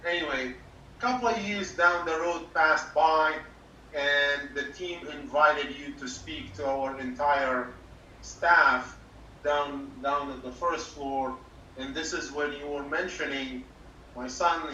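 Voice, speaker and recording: A man, a doctor, speaking sincerely but haltingly on a video call, with many pauses and filler words. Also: a little high, fairly even intonation, sharp tone. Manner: halting, full of uh's, formal and sincere. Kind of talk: thanking a guest on a video call. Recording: muffled, distant, echoey room with faint hum.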